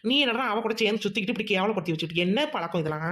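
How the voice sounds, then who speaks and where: A stern elder relative scolds and calms the family in a quick, mid-pitched voice, played by a woman. The tone is firm and reasoning in a village audio drama. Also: a little hiss or hum, close to an everyday voice.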